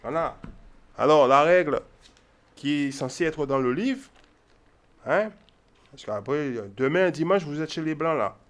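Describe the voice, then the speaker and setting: A man's voice: fairly high pitch, lively intonation, measured pace, long pauses, fairly bright tone. A man giving informal Bible teaching, repeating his points with emphasis and often checking in with his listeners. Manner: repetitive, emphatic, keeps checking in with "ok?" and "hein?".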